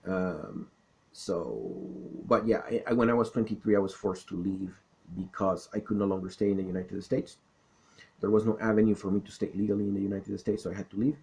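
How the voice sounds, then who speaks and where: A middle-aged man from South Florida with a Florida accent, explaining things in a deliberate, didactic monologue. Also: low voice, warm tone. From South Florida, born in the Caribbean. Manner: didactic, deliberate, checks in with "okay?". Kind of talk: explanatory monologue, political talk and recollection.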